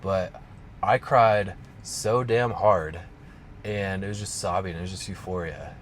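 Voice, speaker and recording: A man with a low, deep voice tells a personal story in an unscripted, rambling way, leaning on "like" and restarting his sentences. He sounds like a coach talking straight to camera. A faint hum of room noise sits behind him. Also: measured pace. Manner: casual, rambling, heavy use of "like". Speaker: strength coach.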